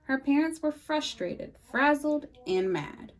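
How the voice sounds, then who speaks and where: A woman reading a rhyming picture book aloud for storytime, with a lively sing-song delivery and slow, emphatic pauses. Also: high-pitched. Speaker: storytime reader.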